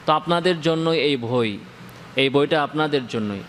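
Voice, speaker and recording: Earnest man teaching pronunciation, slightly high voice. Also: normal speed, fairly bright tone, a little hiss or hum. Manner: explains with repetition and rising emphasis. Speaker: Quran recitation teacher. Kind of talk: classroom tajweed lesson.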